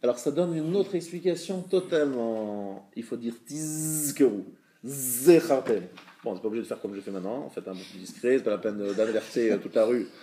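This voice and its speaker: A little hiss or hum accompanies a man's warm, medium-pitched voice as he teaches a live religious class. He's patient in explaining, checks on his students, and slowly sounds out words to show them.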